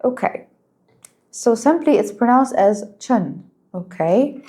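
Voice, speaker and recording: A woman whose first language is Arabic teaching an English lesson, speaking slowly and clearly and praising her students. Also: mid-range voice, lively intonation, warm tone. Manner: patient, encouraging, slow and clear, explains in Arabic too.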